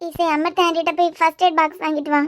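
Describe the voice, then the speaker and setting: A woman's voice: extremely high pitch, level tone, very fast, background noise, voice pushed down. A woman voicing an anxious young mother in a cartoon, speaking firmly with a Kanyakumari Tamil accent. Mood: worried, stern. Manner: firm, worried. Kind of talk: cartoon voice acting.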